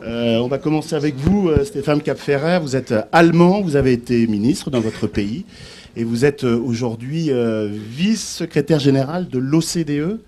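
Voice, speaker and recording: A man hosts a round table in a medium-pitched voice. He is chatty and informal, prodding people with questions. Some background noise and clicking sit behind him. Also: expressive, moderate pace, warm tone. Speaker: panel moderator.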